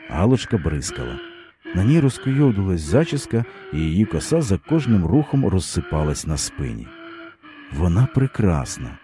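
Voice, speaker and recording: A man narrating a literary story in an expressive, dramatic reading. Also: deep voice, slight background noise.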